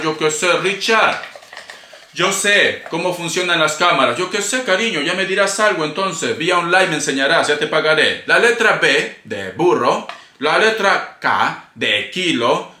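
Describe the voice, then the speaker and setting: Man, casual tarot reading, playful, bright sharp voice, roomy echo. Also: fairly high pitch. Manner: chatty, playful, calls viewers cariño; bursts into singing and laughter. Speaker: tarot reader. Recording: echoey room.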